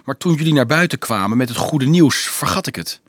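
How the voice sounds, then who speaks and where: A man's voice: mid-range voice, lively intonation, a little fast, a bit bright, no room sound, studio quality, voice pushed up. A man voicing an eager young tanner boy in a storybook reading, tumbling over his explanations.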